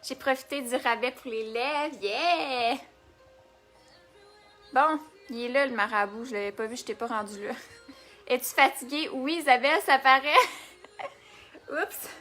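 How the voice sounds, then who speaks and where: Bright-voiced Québécoise makeup live host. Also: female voice, high voice, moderate pace, faint music behind. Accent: Québécois French. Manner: chatty, reads and answers viewer comments while applying makeup. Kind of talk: casual live-stream makeup demo.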